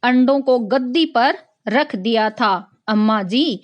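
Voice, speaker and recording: A woman's voice: a little high, slow pace, muffled recording. A woman reading as a sad guilty boy. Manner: sorrowful, apologetic.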